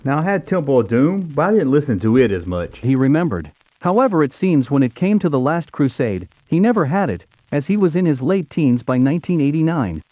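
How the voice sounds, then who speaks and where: An American YouTube show host in his fifties narrates nostalgically in a scripted, storybook style. His voice is on the high side with big swings in pitch, and he talks fairly quickly with few pauses. The audio is tinny and narrow-band, like a phone.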